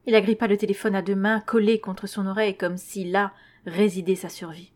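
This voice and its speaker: A woman narrating a horror story with a measured, tense reading at a middle pitch. Her delivery stays even and controlled.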